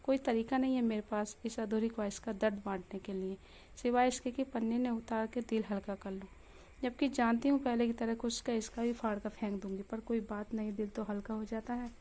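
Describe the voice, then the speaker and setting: A woman reading a heartbroken young wife's letter aloud in a soft, aching, confessional way. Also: fairly high pitch, fairly even intonation, a little fast, lightly acted. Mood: sorrowful.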